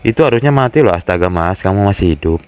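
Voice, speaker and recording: A man streaming a horror game, chatting casually to viewers in slang and reacting excitedly. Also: low-pitched, quick pace, clean tone. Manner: slangy, excitable, talks to viewers, reads game lines aloud. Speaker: gaming streamer.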